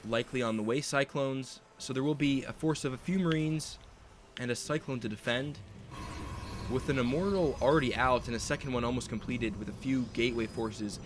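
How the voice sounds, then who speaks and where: A man's voice: medium pitch, slight background noise. A young man giving play-by-play commentary on a strategy game, speculating on each move as it happens. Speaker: esports caster.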